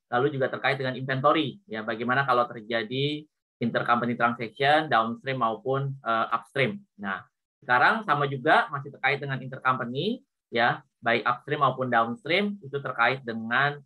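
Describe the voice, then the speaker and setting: Working through problems step by step, a male accounting teacher with an Indonesian accent lectures informally, frequently repeating points and adding small confirming tags. He has a medium-pitched, sharp-toned voice.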